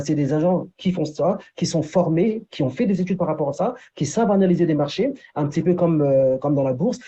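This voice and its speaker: A man's voice: fairly high pitch, dark tone, husky, dull audio. A man presenting a business opportunity on a video call, talking in a loose way with many fillers, checking in with "d'accord". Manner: repeats "d'accord" and "entre guillemets", many fillers. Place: Paris.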